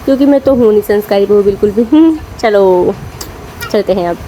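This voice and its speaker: A woman's voice: medium pitch, lively intonation, a little fast, dark tone, a little hiss or hum. A young woman, a mother, chatting casually to camera in a home vlog and telling her story with lots of fillers. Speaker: vlogger, mother.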